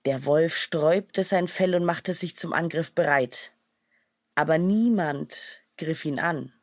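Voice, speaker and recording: A woman narrating a children's storybook in a calm, measured way. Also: sits low, dry recording, clean studio sound.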